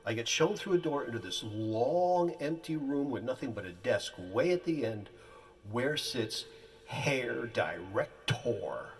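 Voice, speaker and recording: A man telling a comic personal story in animated, colorful, folksy phrasing, heard from a distance. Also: mid-range voice, a little slow.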